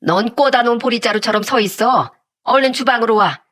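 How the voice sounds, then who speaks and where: A woman voicing a sharp-tongued older mother-in-law who talks in curt, bossy, sneering jabs, in a storybook-style telling. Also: on the high side, a little fast. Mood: scolding. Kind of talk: storybook narration with acted voices.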